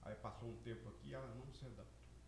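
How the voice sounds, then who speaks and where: A man's voice: mid-range voice, fast, gravelly. A man in his seventies from Northeast Brazil, a veteran radio announcer telling stories of his past in a casual chat. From Northeast Brazil (Campina Grande). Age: 70s. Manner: reminiscing, lively storyteller. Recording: roomy podcast studio, faint background noise.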